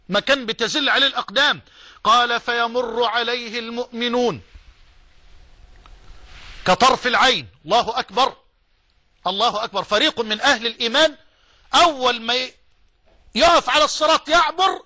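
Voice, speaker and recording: A man with an Egyptian accent preaching a televised sermon, repeating key phrases and drawing out his quotations slowly. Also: sits high, sharp tone. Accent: Egyptian Arabic. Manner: emphatic, repeats phrases, slow drawn-out recitation of quotations.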